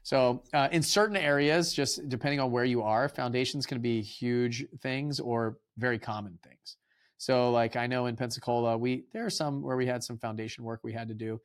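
A man hosting a podcast, talking in a relaxed, rambling way and acting out his conversations with tradesmen. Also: medium pitch, moderate pace. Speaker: podcast host. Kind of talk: casual interview chat.

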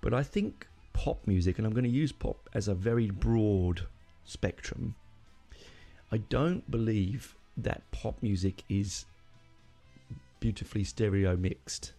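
Man, middle-aged, podcast host, solo monologue, gravelly fry, rambling opinions, faint music underneath. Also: lowish voice, slow pace, mellow. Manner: rambling, self-correcting, opinionated.

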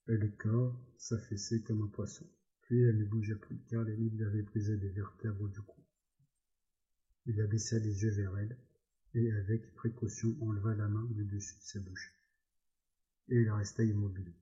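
A man reading a novel aloud as an audiobook, measured with small stumbles, on a slightly dull recording. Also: fairly low pitch, flat delivery, dark tone. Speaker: reader.

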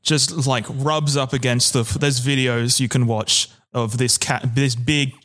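Man, podcast co-host, casual chat, dry humor, self-deprecating, mid-pitched voice. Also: steady tone, measured pace, fairly bright tone.

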